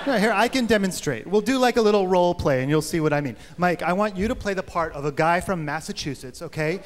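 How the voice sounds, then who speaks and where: A man's voice: high voice, animated, fast talker. A man performing live sketch comedy in an eager, insistent way. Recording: live stage show with crowd and hall echo.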